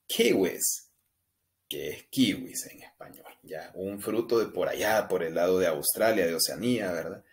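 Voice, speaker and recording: A man with a Latin American Spanish accent teaching a basic English lesson, stressing each English word slowly and carefully so learners can repeat it, and often checking in with the class. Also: low-pitched. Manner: patient, pronounces English words slowly and emphatically for repetition. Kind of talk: language lesson with repetition drills.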